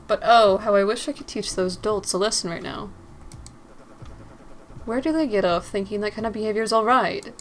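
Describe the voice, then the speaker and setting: A woman voicing a gentle, courteous man in a put-on British accent. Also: medium pitch, slight background noise, natural voice. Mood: kind. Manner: soft-spoken, courteous, measured.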